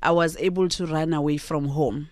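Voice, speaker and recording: A man's voice: fairly high pitch, steady tone, normal speed. A young South African man hosting a radio talk show in a conversational style. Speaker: radio host.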